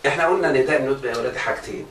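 Fast-talking Egyptian man teaching grammar. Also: medium pitch, fairly bright tone. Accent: Egyptian Arabic. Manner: keeps quizzing students, asking if they follow. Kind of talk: religious grammar lesson. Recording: echoey room, far from the mic, faint noise.

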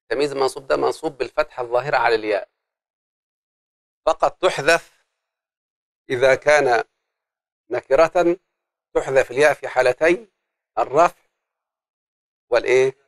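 An Egyptian-accented man leads a lesson on Arabic grammar and poetic meter. He chants the meter's syllables slowly and draws answers out of his students with quick prompts. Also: medium pitch. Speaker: Arabic grammar and prosody teacher.

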